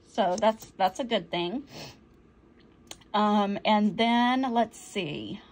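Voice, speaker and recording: A woman's voice: mid-range voice, drawn-out words. A woman chatting through an unboxing, easily delighted and often apologizing for slips. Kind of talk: casual unboxing chat.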